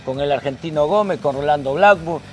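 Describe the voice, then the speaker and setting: A man with a Salvadoran accent, a football commentator on a sports talk show, retelling matches play by play with lively sound words. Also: a little high, a little fast.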